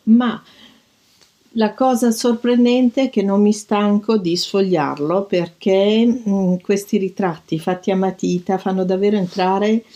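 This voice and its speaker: Reflective older Italian-speaking woman, mellow voice. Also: fairly low pitch. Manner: thoughtful, with hesitations and fillers. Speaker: design commentator recalling an artist. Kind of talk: reflective talk with read-aloud passages.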